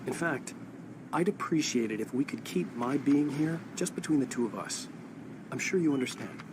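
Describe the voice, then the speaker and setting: A man playing a wry, guarded writer on vacation in a video game, with a deadpan delivery. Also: medium pitch, moderate pace, noisy background, close to an everyday voice. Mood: guarded polite.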